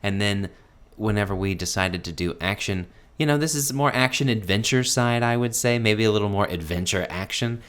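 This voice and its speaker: A man's voice: on the low side, normal speed, a bit bright, smooth. A man co-hosting a podcast, telling personal anecdotes in casual conversation. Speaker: podcast co-host.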